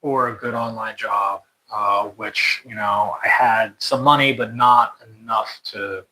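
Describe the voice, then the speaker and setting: A young man from the United States, interviewed in a casual conversation, rambles about moving abroad with plenty of fillers and restarts. His voice sits fairly low, with fairly even intonation and an unhurried pace, sounding pushed and bright. The recording quality is low.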